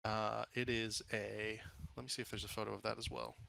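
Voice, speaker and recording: Bright-voiced man narrating as game master. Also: fairly low pitch, flat delivery, vocal fry, no room sound, poor audio. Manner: halting, descriptive. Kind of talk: improvised tabletop game narration.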